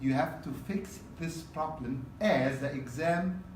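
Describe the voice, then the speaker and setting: Teacher lecturing in an echoey classroom. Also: male voice, a little high, takes it slowly, a little hiss or hum. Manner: repetitive, checks in with "okay?". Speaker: exam prep teacher. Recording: roomy classroom from a distance.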